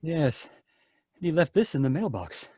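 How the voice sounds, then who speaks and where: A man with a higher-pitched voice plays a sinister doctor who is revealed as a nursery-rhyme killer in an old-time radio drama read over a video call. His delivery has wide pitch swings at a moderate pace, a dark, breathy tone, and a creepy, sing-song quality when he recites rhymes, and he sounds nervous. Recorded on a home computer mic, the audio is still clean and studio-like, with no room sound.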